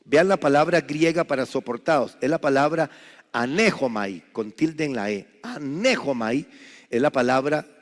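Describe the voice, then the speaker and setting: A male pastor from Costa Rica preaching a sermon, swinging from loud, high emphasis down to quiet, low asides. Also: moderate pace, few pauses, long reverb tail.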